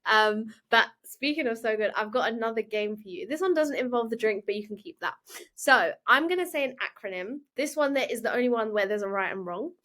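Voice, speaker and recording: A bright-voiced woman hosts a casual chat and quizzes her guest with playful energy. She pitches a little high and laughs often, slipping into quick bursts of talk. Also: expressive. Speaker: host. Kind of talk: casual interview with quiz games.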